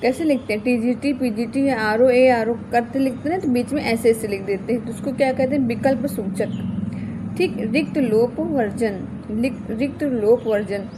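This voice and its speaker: A woman's voice: a little high, background noise. A woman teaching an exam-prep grammar lesson, who keeps asking "kya?" and then repeats her key points.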